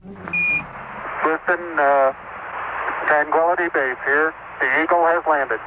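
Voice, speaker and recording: Slow man on beeping space radio. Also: on the high side. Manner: measured, clipped radio report. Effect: crackly space radio transmission with beeps. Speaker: astronaut reporting from the lunar module. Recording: tinny noisy space radio link.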